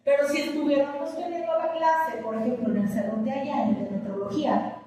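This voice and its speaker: A woman's voice: sits high, steady tone, brisk, noisy background. A woman teacher giving a patient classroom lecture, explaining with everyday examples and questions to her students. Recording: echoey classroom from a distant mic with faint ambience.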